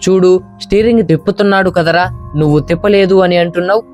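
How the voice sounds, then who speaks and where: A man voicing a gentle old village grandfather, speaking calmly and fondly to his grandson. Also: sits high, fast talker, faint music behind, natural voice. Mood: soothing. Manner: calm, fond address to a grandson.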